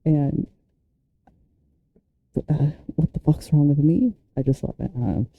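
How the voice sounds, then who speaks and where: A woman's voice: low-pitched, animated, fast talker, creaky, no echo, narrow, tinny audio. A woman reacting casually to video clips, rambling with lots of fillers and the odd curse. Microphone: handheld or desk mic close up.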